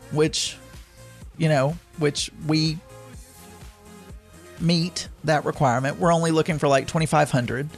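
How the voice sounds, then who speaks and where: A man casually telling a story to his viewers, rambling with lots of fillers and restarts. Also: on the high side.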